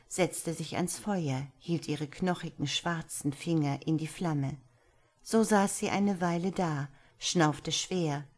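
A woman narrating a fairy tale in a measured, expressive storytelling manner. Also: on the low side. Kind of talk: audiobook fairy-tale reading.

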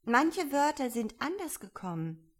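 A woman voicing a polite, timid young girl in a storybook reading, pitched up and eager. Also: big pitch swings, a little slow. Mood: anxious. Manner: higher, eager, slightly tearful. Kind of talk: audiobook character voice.

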